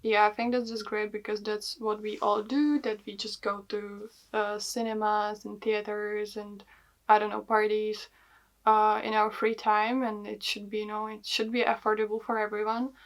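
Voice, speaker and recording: A woman's voice: mid-range voice, flat delivery, moderate pace. A young woman in her twenties from the Czech Republic, speaking English with a Czech accent in a chatty vlog, with lots of fillers. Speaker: vlogger. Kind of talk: casual vlog talk.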